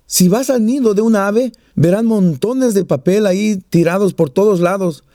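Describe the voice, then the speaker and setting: A man's voice: high-pitched, moderate pace, dark tone, no echo, clean studio sound. A man preaching a sermon, mixing scripture and prayer with jokes and small stories. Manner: joking storyteller, plays out little voices.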